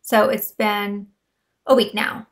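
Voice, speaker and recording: A woman vlogger, a bit hoarse, giving a chatty, rambling weight-loss update full of fillers and restarts. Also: medium pitch, flat delivery, slow pace.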